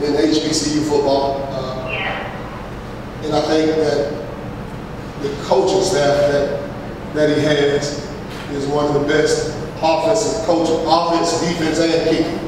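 A middle-aged man, a head football coach, answering press questions after a game in a measured, halting way with many fillers and restarts. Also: on the high side, little pitch movement. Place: press room with backdrop, large echoey space. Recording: echoey hall, far mic, noisy.

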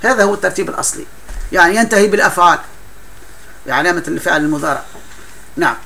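A man teaching a classroom grammar lesson at a fast clip. His voice sits high and bright. He explains patiently, often laughing and restarting words mid-thought. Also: gravelly.

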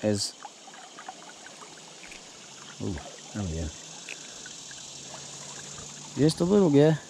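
A fishing vlogger films himself on a body-worn camera while wading a river, chatting casually about his fishing and muttering to himself between casts. His mid-range voice swings widely in pitch and carries vocal fry. The outdoor camera audio picks up the rushing river water.

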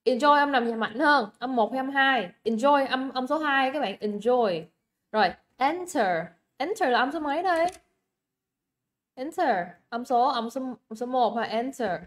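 She speaks at a moderate pace with few pauses, her high-pitched voice a bit bright. The young Vietnamese-accented teacher leads an English exam review on a livestream, chatty and coaxing, repeating words and checking students follow along.

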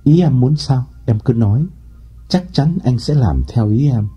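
A man's voice: mid-range voice, expressive, a little slow, dark tone, husky. A man voicing an eager, fawning male suitor. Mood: earnest. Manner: pleading and fawning. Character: eager smooth-talking man on the phone. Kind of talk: audiobook reading.

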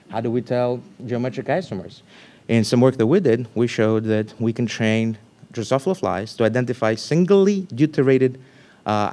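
Male researcher at a conference lectern, mid pitch, unscripted, restarts a lot, jumps louder and higher when excited. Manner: loose, thinking aloud with restarts, animated bursts of emphasis. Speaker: scientist giving a conference talk. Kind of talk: academic conference talk. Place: lecture room.

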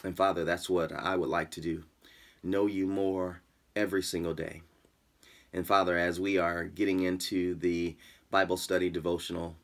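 A man in his thirties leads an online devotional as a pastor, and his voice sits very low with a gravelly fry. He speaks earnestly and steadily, pausing on "uh" and "um" as he prays and explains scripture. He is recorded on a webcam in a small room at home. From Michigan, USA. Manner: earnest, measured, with frequent "uh" and "um". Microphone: webcam in front of him.

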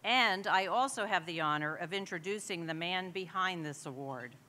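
A woman's voice: lowish voice, moderate pace, pushed and bright, a little hiss or hum. A woman giving a formal, earnest introduction at an awards dinner. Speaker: co-chair presenting an award.

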